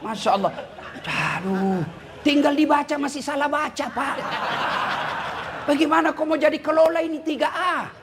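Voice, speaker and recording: A man from Indonesia, an Islamic preacher giving a humorous sermon, teasing and addressing the congregation directly in an animated way. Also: extremely high pitch, normal speed, long pauses, heavy background noise.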